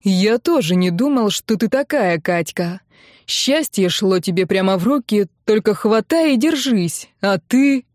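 A woman's voice: mid-range voice, expressive, a little mellow, dry recording, studio quality, close to an everyday voice. Woman doing a theatrical sarcastic uncle. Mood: mock-tragic. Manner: dramatic, drawn-out sarcasm. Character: theatrical middle-aged uncle, mockingly tragic.

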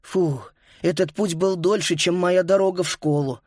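A man's voice: sits high, normal speed, darkish tone, no echo, clean studio sound. A man voicing a tired, complaining schoolgirl. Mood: whiny.

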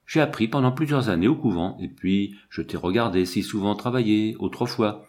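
A man reading the part of a gentle, devoted young wife in an audiobook, speaking tenderly and sincerely. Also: fairly low pitch, normal speed, natural voice.

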